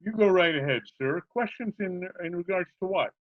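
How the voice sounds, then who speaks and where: In old-time radio comedy style, a man plays a genial, scatterbrained butcher who muddles every question, chatty, obliging, earnest and politely literal-minded. His high voice is expressive at a moderate pace, captured on a dull remote video-call recording.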